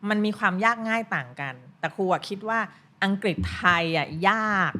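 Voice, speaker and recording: Expressive retired woman teacher in her sixties. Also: mid-range voice, normal speed. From Thailand. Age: 60s. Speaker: retired English teacher, guest. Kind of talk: casual interview chat.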